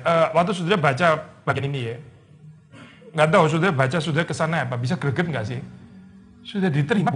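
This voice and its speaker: A male pastor teaching a casual Bible study in an animated way, dropping English words into his talk and acting out the people in the story. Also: a little high. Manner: animated, acts out quoted characters; mixes English words into speech.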